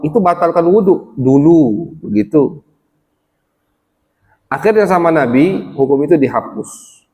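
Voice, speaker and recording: Mellow-voiced man teaching in a reverberant hall. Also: medium pitch. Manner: explains slowly, quotes Arabic text then translates. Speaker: religious teacher. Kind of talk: Islamic study lecture. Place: village gathering hall.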